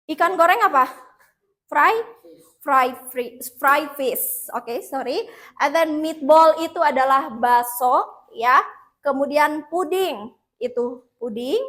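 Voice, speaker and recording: A woman teaching an English lesson in a classroom, mixing two languages and leading slow repeat-after-me drills. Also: sits high, fairly bright tone.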